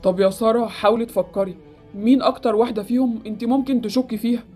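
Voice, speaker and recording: A woman voicing a worried young husband with an Egyptian accent. She lowers her voice and speaks urgently to calm his wife. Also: fast talker, soft background music, natural voice. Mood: soothing. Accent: Egyptian Arabic. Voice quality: deepened, pushed-down voice.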